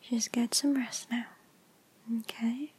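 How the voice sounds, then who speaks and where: A woman speaks in an airy, breathy whisper with almost no voice behind it, and she lingers on every word at a very slow pace. It is gentle, lulling ASMR comfort roleplay, whispered close to the microphone. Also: fairly high pitch, steady tone. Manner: soft unvoiced whisper, soothing and lulling. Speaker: ASMR creator.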